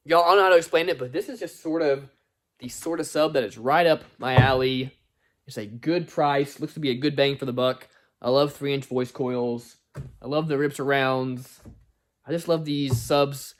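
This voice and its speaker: A man reviewing car audio gear in an excited, folksy vlog style, often calling out to viewers. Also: mid-range voice. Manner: excited, folksy, says "y'all" and "guys" a lot. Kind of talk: enthusiastic product review vlog.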